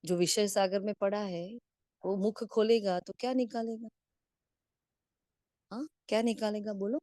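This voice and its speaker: A woman's voice: mid-range voice, steady tone, a little slow, warm tone, dry recording, studio quality. Woman teaching with rhetorical questions. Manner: rhetorical questions with frequent tag questions. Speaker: spiritual class teacher. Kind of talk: spiritual discourse. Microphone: video call.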